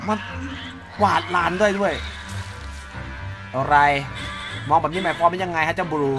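A man commentating live on his own gameplay, excitable, with loud exclamations and repeated cries. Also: fairly high pitch, normal speed. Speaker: game streamer. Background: game music.

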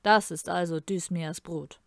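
A woman's voice: lowish voice, steady tone, measured pace, gravelly, dry recording, clean studio sound, voice pushed down. A woman reading aloud and voicing a cruel, imperious male emperor in a menacing, commanding tone. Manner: menacing, commanding, bursts into furious shouting.

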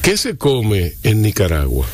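A man's voice: on the low side, wildly swooping pitch, unhurried, darkish tone. A man, interviewing casually, probing and playful, with frequent backchannel murmurs.

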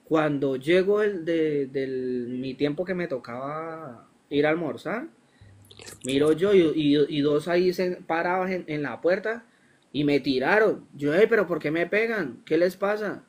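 A young Colombian man with a Colombian accent is a guest in a casual interview, telling his story in lively slang and acting out the dialogue. His voice is fairly high and he doesn't hurry.

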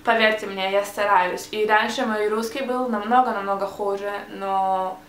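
A young adult vlogger with a Hebrew accent answers questions for a casual tag video, hesitating and restarting words as she searches for Russian. Her medium-pitched voice is steady, a bit bright and moderately paced, captured by a camera mic while she sits facing it in a small, bright room indoors. There's room echo and slight background noise.

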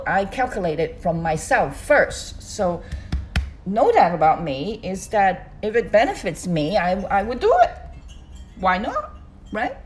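An older woman from Hong Kong talking to her phone in a loose, animated monologue, gesturing as she speaks. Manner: animated, gesturing with both hands, swooping pitch. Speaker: vlogger. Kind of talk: casual monologue to camera. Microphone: phone on a stand close to her.

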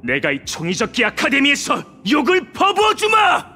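An actor playing a young student hero who puts on a pompous, grandiose dark lord in a theatrical game performance. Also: male voice, very high voice, huge pitch swings, moderate pace, soft background music, full character voice. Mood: blustering. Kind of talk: dramatic game voice acting.

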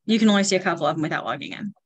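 A woman, encouraging and animated, showing social media tips on a casual group video call. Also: lowish voice, very fast, husky.

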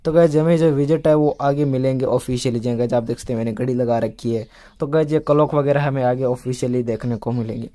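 Hosting a tech video, a man casually explains a smartphone update, repeating himself and repeatedly calling his viewers friends. His medium-pitched voice is steady and mellow, and he talks fast. The recording has no echo.

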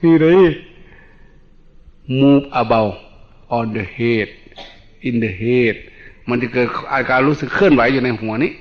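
A male Buddhist monk, calmly explaining meditation in a dharma talk and mixing in English terms. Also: medium pitch, normal speed, pauses often. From Northeast Thailand. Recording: dull lo-fi recording.

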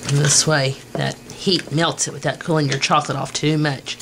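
A woman's voice: deep voice, flat delivery, moderate pace. Folksy woman cooking at home. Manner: folksy, homey, step-by-step. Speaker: cooking show host. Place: home kitchen with wooden walls. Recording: noisy home camcorder audio.

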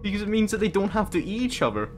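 Rambling young man, slightly high voice. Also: sing-song, rapid-fire, noisy background. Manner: rambling, giggly, restarts words often. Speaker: streamer. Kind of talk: casual rambling chat.

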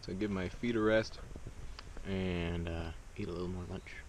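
His low-pitched voice has fairly even intonation and a moderate pace as he talks casually to an action camera held at arm's length. The young man is a thru-hiker on a mountain trail, easygoing, self-deprecating and laughing at himself, winded on climbs, with background noise from the outdoor camera mic.

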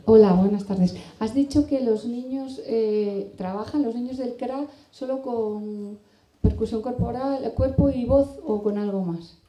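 A woman in the audience asks a polite, slightly halting question at a forum, using a handheld microphone. Her voice is very dark and mellow, and the meeting room gives it an echo. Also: on the high side. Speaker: audience member asking question. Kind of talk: question from the floor. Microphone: handheld mic. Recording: roomy echo.

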